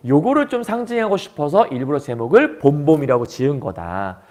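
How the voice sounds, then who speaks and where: A male literature teacher lecturing, animated and often asking questions to the class. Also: fairly high pitch, fairly quick, a little hiss or hum.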